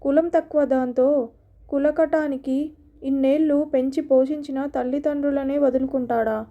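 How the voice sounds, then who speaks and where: A woman voicing a proud, angry middle-aged landlord who shouts furious threats. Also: high voice, steady tone, moderate pace, highs cut off. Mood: raging.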